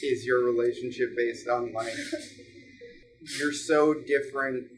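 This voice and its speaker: A man hosting a podcast, asking questions in a relaxed, joking way with short interjections. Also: mid-range voice, measured pace, far from the mic, poor audio. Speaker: podcast host. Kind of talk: casual interview chat.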